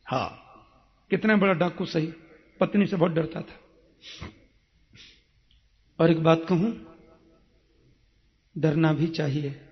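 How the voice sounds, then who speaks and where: A man's voice: a little high, fairly even intonation, slow pace, pauses often. A man preaching in a devotional story sermon, dramatically acting out the characters as he tells the tale. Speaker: kathavachak preacher. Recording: dull lo-fi sound with faint music.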